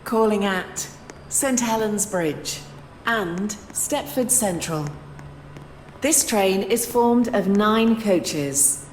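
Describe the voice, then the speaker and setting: A woman's voice: mid-range voice, very slow. A woman giving scripted train station announcements in a formal manner, phrase by phrase like pre-recorded segments. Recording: echoey station PA, long reverb, ambient noise.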